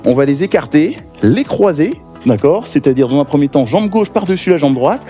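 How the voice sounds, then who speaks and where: A man leading a guided workout class, giving energetic, encouraging cues and counts. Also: on the high side, normal speed, soft background music. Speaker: fitness coach.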